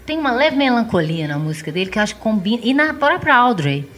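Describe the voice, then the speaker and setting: A woman's voice: fairly high pitch, big pitch swings, fast, a bit bright. A woman co-hosting a casual film talk, reflective and musing, often ending thoughts with a questioning tag. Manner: reflective, trailing, often ends with "né?". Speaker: co-host discussing films.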